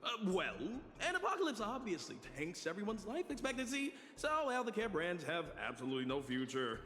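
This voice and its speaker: A flippant male game-show host who keeps joking through disaster. His pitch sits high and leaps around unhurriedly. Long reverb and music colour the game audio. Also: very animated, fairly quick, fairly bright tone, heavily acted.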